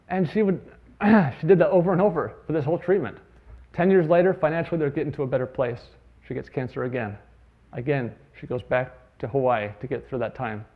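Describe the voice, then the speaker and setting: A man giving a conference talk, telling stories in a conversational way with lively emphasis. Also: mid-range voice, lo-fi sound. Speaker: conference speaker. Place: conference stage.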